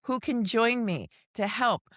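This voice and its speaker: A woman's voice: a little high, expressive, unhurried, a bit bright, no room sound, clean studio sound. A woman hosting a podcast interview, enthusiastic and welcoming as she asks questions. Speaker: podcast host.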